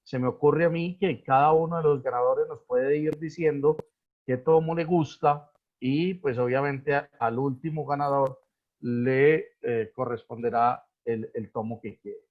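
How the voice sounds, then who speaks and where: A man's voice: mid-range voice, unhurried, narrow, tinny audio. A man moderating a video-call webinar, hesitant, with many fillers and restarts. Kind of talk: hosting a live video webinar.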